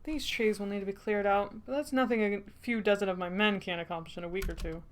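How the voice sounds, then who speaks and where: A woman's voice: mid-range voice, fast, close to an everyday voice. A woman voicing a pompous, greedy male king who huffily orders people about. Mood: scheming. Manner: huffy, self-important proclamations.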